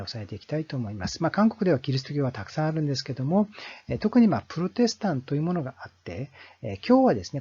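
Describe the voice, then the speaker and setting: A man hosting a history channel, explaining in a halting lecture style full of drawn-out fillers. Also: fairly high pitch, mellow, slightly rough. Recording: dull lo-fi sound.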